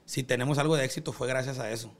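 Fast-talking Sinaloan Mexican man, slangy. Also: mid-range voice, fairly even intonation. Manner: slangy street talk with swearing. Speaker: podcast guest, music label representative. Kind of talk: casual motivational chat.

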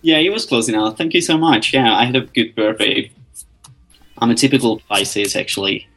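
A man, a guest answering interview questions in a friendly, relaxed way, thinking aloud as he talks. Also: medium pitch, moderate pace, gravelly, faint music behind, rough recording. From Hungary. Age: 20s.

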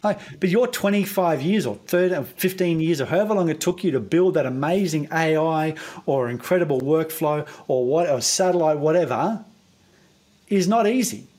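A man's voice: fairly high pitch, normal speed, few pauses, darkish tone. A man, perhaps, speaking as a guest in a conversational interview, explaining sales through stories and acting out quoted dialogue, with frequent restarts.

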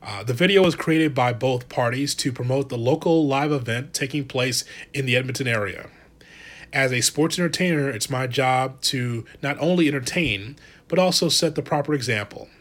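A man's voice: medium pitch, moderate pace, a bit bright. A man giving a sarcastic, exasperated wrestling commentary monologue, talking casually and animatedly.

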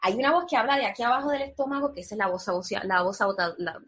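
A woman's voice: mid-range voice, very fast, a bit bright, husky. A woman guest in a conversational interview, talking earnestly and reflectively, explaining things step by step.

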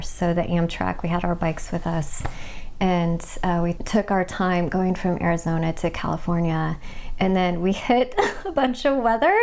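A woman in her forties from the US Midwest, telling her story in a relaxed, reflective way as an interview guest, with thoughtful pauses. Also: fairly low pitch, creaky. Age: 40s. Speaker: guest artist.

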